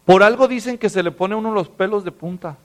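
A man preaching a sermon, telling stories with lively acted voices and dropping to hushed, serious tones. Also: sits high, fairly quick. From Mexico. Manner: animated storytelling, acts out voices, drops to hushed tones. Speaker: pastor.

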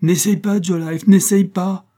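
A small, anxious wife scolds and warns in fretful, insistent tones, as a male narrator puts her on, close to his own mellow voice. She keeps pressing her reckless husband to slow down in this storybook scene. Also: mid-range voice, pitched above the performer's own voice, lightly acted. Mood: alarmed. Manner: sharp warnings, fretful insistence.

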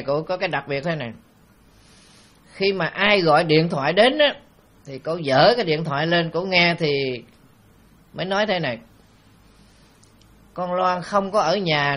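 A man's voice: a little high, a bit bright. A man, a Buddhist monk giving a rambling, conversational dharma talk full of anecdotes and fillers.

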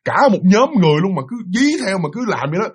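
Fast animated husky man telling a ghost story. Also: high voice. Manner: animated, acts out voices of people in the story.

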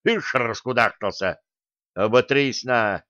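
A man voicing a gruff, hot-tempered bearded male warrior who growls and barks orders, in an audiobook reading. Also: mid-range voice, slow pace, sharp tone, dry recording. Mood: barking. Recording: dull dry recording.

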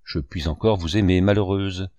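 A man's voice: deep voice, moderate pace, a little mellow, no echo, close to an everyday voice. A man reading a novel aloud, voicing a heartbroken and bitter young male artist. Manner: emotional, bitter.

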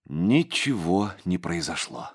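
A man narrating an audiobook story in a dramatic, expressive way. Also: sits low, takes it slowly, husky.

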